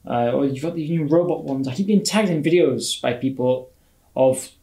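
A man's voice: medium pitch, normal speed, mellow. A man co-hosting a podcast, chatting casually with friends in a hesitant way, often correcting himself. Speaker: podcast co-host. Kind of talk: casual banter about toys. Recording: echoey, reverberant room.

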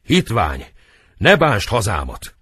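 A man's voice: on the low side, wildly swooping pitch, fairly bright tone, husky, no echo, clean studio sound, voice pushed up, heavily acted. A man voicing a proud, dying middle-aged queen in a dramatic audiobook reading. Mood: defiant. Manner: raised, pleading stage delivery.

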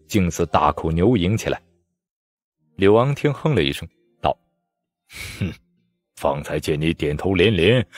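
A man giving expressive audiobook narration of a martial-arts novel. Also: deep voice. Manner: lively, expressive storytelling. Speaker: storyteller.

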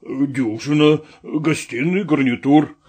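A man's voice: on the high side, slow, a little mellow, breathy edge. A man reading an audiobook, voicing a flustered, stingy older nobleman who haggles and stammers. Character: fussy elderly male nobleman, flustered and stingy.

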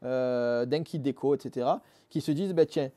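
A man's voice: medium pitch, normal speed, warm tone. A man in his thirties, an app founder being interviewed, explaining step by step in casual, earnest talk with many fillers, recorded in a workshop studio on a lapel mic. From Marseille, France. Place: dim motorcycle workshop studio.

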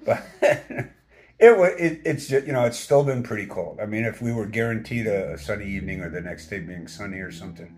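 A man's voice: on the low side, fairly quick, a little mellow. A man in his fifties, a long-distance hiker vlogging with his partner, rambling easily and laughing at his own stories into a phone held at arm's length. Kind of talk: casual chat to camera. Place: hotel room, indoors.

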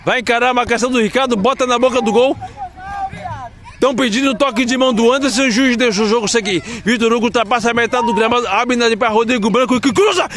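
A man giving rapid play-by-play commentary on an amateur football match at night, shouting out the goals. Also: very high-pitched. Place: outdoor floodlit football pitch at night. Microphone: handheld phone camera.

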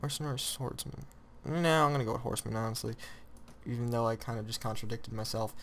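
A teenage boy gives rambling, excitable commentary on his own gameplay in a let's play, forever restarting and fixing his sentences. He talks quickly at an ordinary mid pitch with some vocal fry. A faint hiss runs beneath the recording.

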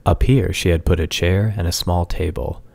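A man reading a fantasy story aloud in scripted narration, slow and measured. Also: low voice, fairly even intonation, vocal fry, a little mellow.

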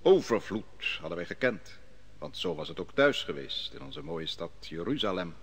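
In an old Dutch radio play from the 1950s, an actor gives a full character voice, deep, very animated and a bit bright, to a narrating prophet. The character, an adult exile, recounts his youth at a foreign king's court in measured, solemn storytelling.

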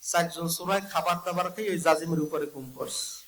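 High-voiced preacher chanting his sermon. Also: a bit bright, poor audio. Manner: sing-song, calls out to the crowd, drawn-out chanted lines. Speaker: Islamic preacher.

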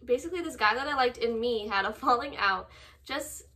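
A young woman in casual chat, reading messages aloud and giving advice in a halting, informal way. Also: on the high side, animated, bright, forceful tone. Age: young adult. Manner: halting, informal, filler-heavy. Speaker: co-host reading viewer confessions and giving advice. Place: small room at home, indoors.

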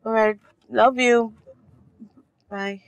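An actress with a Nigerian accent playing an anxious grown daughter in a film drama, speaking haltingly as she humours her parent. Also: fairly high pitch, fairly even intonation, gravelly, no room sound, dull audio, heavily acted. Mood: strained, placating. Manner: hesitant, halting. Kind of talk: film drama acting, phone call. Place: inside a car.

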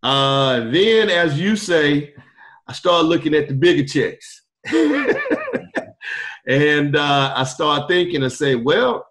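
A middle-aged man, a podcast guest, telling his story in a relaxed, rambling way with many fillers over a video call. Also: fairly high pitch, slow pace. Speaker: podcast guest, truck driver turned wholesaler. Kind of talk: casual storytelling interview. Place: indoor room, video call. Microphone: webcam on video call.

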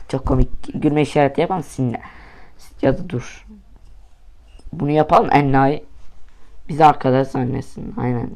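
A young man commentating his own mobile football match, swearing often, shouting at goals and muttering in between. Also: medium pitch, steady tone, normal speed, long pauses. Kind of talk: casual gaming commentary.

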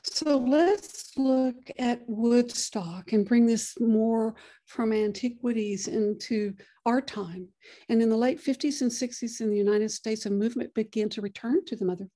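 Halting woman lecturer, mellow tone. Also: on the high side. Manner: halting, many restarts and fillers. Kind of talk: lecture presentation.

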